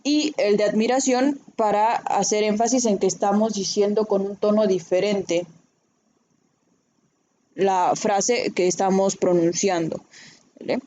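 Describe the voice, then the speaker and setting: A woman's voice: medium pitch, fairly even intonation, unhurried, warm tone, dull audio, a little hiss or hum. A woman teaching a writing class, explaining patiently and often checking in with her students. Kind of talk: recorded online class.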